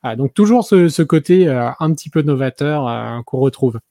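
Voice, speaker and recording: A man's voice: a little high, expressive, moderate pace, mellow, no room sound, clean studio sound. A man hosting a casual chat, talking loosely with lots of fillers. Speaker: host.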